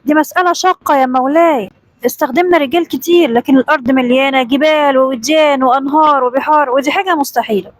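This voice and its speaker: Lady doing a jealous vizier guy, egyptian accent, yelling, high and fast. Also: dry recording, close to an everyday voice. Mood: angry. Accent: Egyptian Arabic. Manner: agitated, shouting in protest. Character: angry jealous male court vizier.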